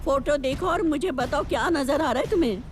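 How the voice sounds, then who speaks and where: A woman's voice: sits high, fairly quick, music in the background, natural voice. A woman playing a bossy older village matriarch. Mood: stern. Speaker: family matriarch. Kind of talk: dubbed TV serial acting.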